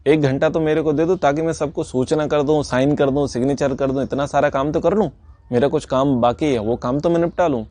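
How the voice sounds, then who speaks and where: A man voicing a panicked, wealthy old merchant who bargains in rushed bursts, begging for more time, recorded dry and close. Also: fairly high pitch, steady tone, mellow, dry recording, close to an everyday voice. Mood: pleading.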